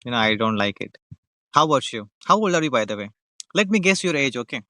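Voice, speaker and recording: A man's voice: medium pitch, big pitch swings, quick pace, sharp tone, no room sound, studio quality. A man from India with an Indian English accent, hosting a friendly, teasing English practice chat over a video call and repeating his questions. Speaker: conversation practice host.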